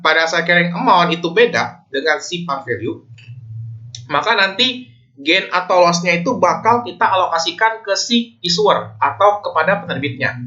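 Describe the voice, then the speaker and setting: A man with an Indonesian accent lectures on accounting in an informal, explanatory way, conversing with and frequently checking in on his listeners. His fairly high voice has a sharp tone, and the highs are cut off in the audio.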